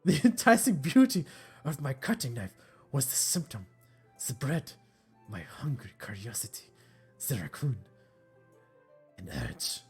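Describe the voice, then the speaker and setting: A woman putting on a low German-accented voice for a shy, bookish young woman who reads her poem quietly. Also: animated, soft background music, exaggerated voice. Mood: brooding. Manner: timid, halting, hushed.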